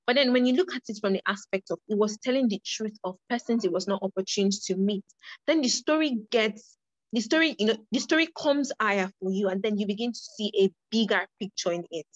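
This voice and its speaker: A woman's voice: mid-range voice, brisk, dry recording, lo-fi sound. A young woman leading a creative writing workshop, earnest, often repeating and restarting her phrases. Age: young adult.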